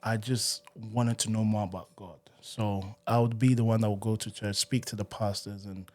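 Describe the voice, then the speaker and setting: Laid-back low-voiced man from Ghana. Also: fairly even intonation, moderate pace, a little mellow. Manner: laid-back, storytelling, laughs often. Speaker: podcast guest, singer and worship leader. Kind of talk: casual interview chat.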